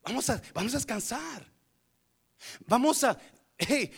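A man's voice: extremely high pitch, expressive, a little slow, creaky, breathy edge, pitched above the performer's own voice, full character voice. A preacher acting out a sleepy, easygoing apostle in jail who yawns and asks the guards to take off his sandals. He plays it in a raised, drowsy voice. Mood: sleepy, carefree.

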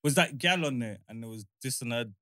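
A man with a London roadman accent bantering in street slang, excitable and quick to interject. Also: mid-range voice.

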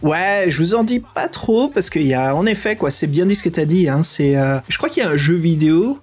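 A man with a French accent co-hosting a podcast in casual, excitable, slangy chat. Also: a little high, brisk, breathy edge, soft background music. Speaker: podcast co-host.

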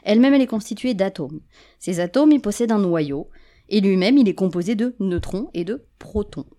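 A woman's voice: medium pitch, lively intonation, a little fast, dark tone. Playful woman giving a science talk. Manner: playful, jokey asides to the audience. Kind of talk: humorous popular science talk.

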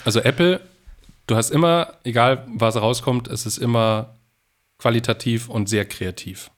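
A man's voice: medium pitch, moderate pace. A man co-hosting a podcast who tells anecdotes, asks questions and works through his list of points. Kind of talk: casual conversation.

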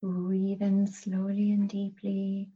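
A woman guiding a healing meditation in a soft, soothing voice, sometimes whispering her breath cues. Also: mid-range voice, monotone, slow, husky, dull audio. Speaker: meditation guide.

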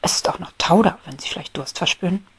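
A woman plays a fussy old-fashioned beetle gentleman in whispered role-play, stiffly formal and prone to indignant grumbling. The breathy, husky voice is pushed a bit lower than her own. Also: fast. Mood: courteous. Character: prim, fussy male rose beetle, polite yet grumpy.

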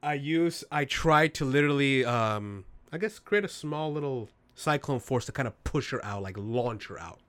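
A man's voice: medium pitch, animated, moderate pace, hardly any pauses, fairly bright tone. A man playing in a tabletop game, joking and hesitant, with many fillers. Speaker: player. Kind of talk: casual tabletop play.

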